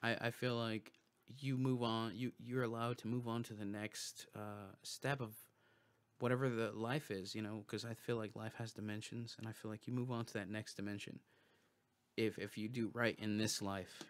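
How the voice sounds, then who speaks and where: Musing aloud on his livestream, this man rambles casually, restarting loosely and swearing as he goes. He speaks at a moderate pace in a fairly low, flat voice, with no room sound.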